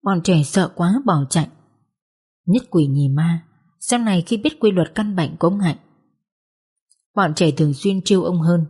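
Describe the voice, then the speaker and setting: Audiobook narrator, female, measured dramatic reading, lowish mellow voice. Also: breathy edge. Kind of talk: scripted narration.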